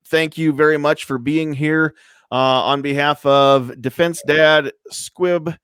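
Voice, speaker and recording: A man's voice: fairly high pitch, smooth, dry recording. Casual male podcast host, easygoing and rambling; resonant voice, dry room. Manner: loose and rambling, many fillers. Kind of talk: casual live-stream chat. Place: home studio room.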